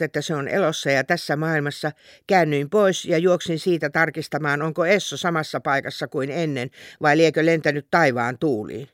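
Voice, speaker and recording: Man doing an earnest, rambling old husband for a storybook; fairly high, dry sound. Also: no echo, natural voice. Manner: long-winded, earnest rambling. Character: older rural husband, rambling and defensive.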